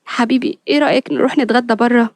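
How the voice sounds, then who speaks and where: A woman's voice: fairly high pitch, steady tone, racing, no room sound, close to an everyday voice. A woman voicing a scheming young woman who sounds falsely sweet and coy. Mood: sly.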